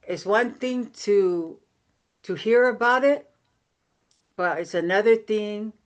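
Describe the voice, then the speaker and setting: Upbeat woman leading a video-call training. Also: lowish voice. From American Samoa. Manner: upbeat, repetitive, conversational with fillers. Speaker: team leader giving a training. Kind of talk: motivational Zoom training.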